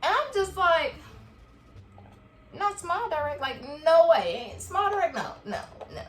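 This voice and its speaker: A young woman chatting to camera in a casual review vlog, animated and quick to laugh, acting out what people said to her. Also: very high voice, faint music behind. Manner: chatty and animated, laughs often, acts out quoted dialogue. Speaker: vlogger.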